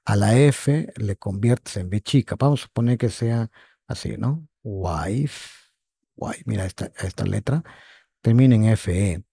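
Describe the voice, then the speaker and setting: A man teaching an online English lesson, patiently repeating words and often checking in with "right?", with a gravelly, husky voice. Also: fairly low pitch, a little slow, mellow, no echo, studio quality. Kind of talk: online lesson explaining grammar.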